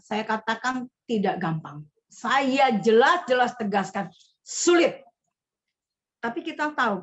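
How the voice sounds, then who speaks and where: A woman's voice: medium pitch, muffled recording. A woman pastor giving an earnest, emphatic sermon.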